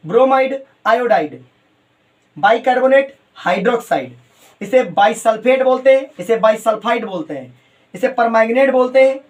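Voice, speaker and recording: High-voiced chemistry teacher. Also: male voice. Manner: calls students "beta", repeats terms slowly, mixes English phrases. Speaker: coaching teacher. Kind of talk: chemistry lesson to students.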